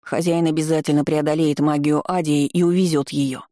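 An eager little dragon speaks in an excitable, jealous way, as a storyteller puts him on. The tone is mellow and warm. The audiobook recording is close and dry. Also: mid-range voice, brisk, dry recording, lightly acted. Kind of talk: audiobook reading.

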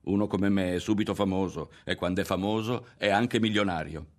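A man reading aloud voicing an aloof, boastful older boy who talks in a slow, dismissive way in an audiobook. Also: sits low, natural voice.

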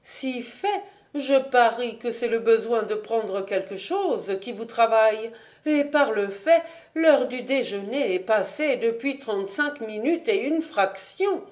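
A woman reading an audiobook, voicing an excitable male royal financier who talks in a high, indignant, breathless rush. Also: slow pace. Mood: fussing.

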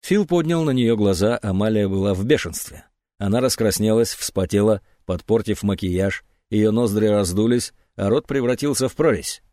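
A man narrating an audiobook in an expressive reading. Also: lowish voice, moderate pace, dry recording, studio quality. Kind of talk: scripted narration.

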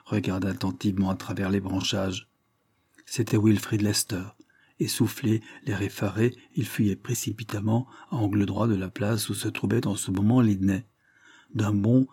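A man reads a novel aloud in calm, measured narration. His voice is low-pitched and husky. The recording is dry and close. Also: dry recording. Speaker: audiobook narrator. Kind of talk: scripted narration.

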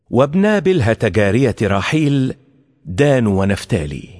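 Man, scripture reading, formal and measured, solemn, middle pitch, reverberant hall sound. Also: a little mellow. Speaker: scripture reader.

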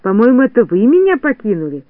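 A man reading an audiobook, voicing a clever, calm little male shorty who reasons with his friends. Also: extremely high pitch, fast talker, no room sound, voice pushed up, exaggerated voice. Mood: puzzled, reasoning. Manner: reasoning, mildly puzzled. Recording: dry phone-like narrowband audiobook.

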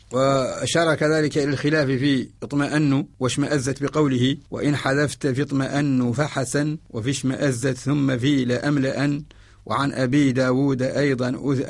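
A man's voice: mid-range voice, vocal fry, no echo. A man giving a methodical radio lesson, chanting verse lines and then explaining them through example questions to an imagined student. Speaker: Quran spelling teacher.

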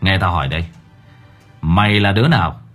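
A man's voice: sits low, brisk, a bit bright, faint music behind. A man voicing a stern young exorcist who interrogates a spirit in curt, threatening commands, in an audiobook.

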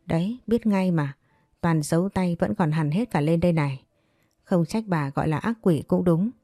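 A woman voicing a loyal, protective nanny who talks in a soothing, gentle way. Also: fairly low pitch, moderate pace, no room sound, studio quality. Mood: tender.

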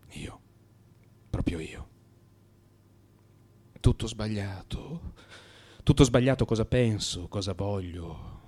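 An actor in a radio drama monologue plays a melancholy, troubled man in crisis who turns inward and brooding, blaming himself with halting, repeated phrases. His voice is on the low side with a darkish tone.

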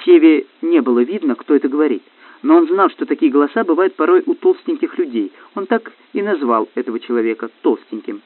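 A man narrating an audiobook story in a steady storytelling manner. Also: fairly high pitch, brisk, no room sound. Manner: steady storytelling, slips into character voices. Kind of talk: scripted narration. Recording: tinny phone-like, dry.

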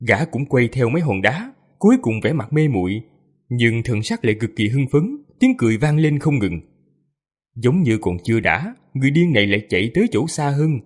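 Man, audiobook narrator, lively intonation, husky tone, storytelling. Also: medium pitch, moderate pace.

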